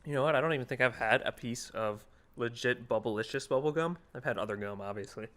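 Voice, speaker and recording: A man's voice: medium pitch, quick pace, fairly bright tone. A young adult man co-hosting a casual podcast, teasing and laid-back, laughing often. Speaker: podcast co-host. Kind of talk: casual chat.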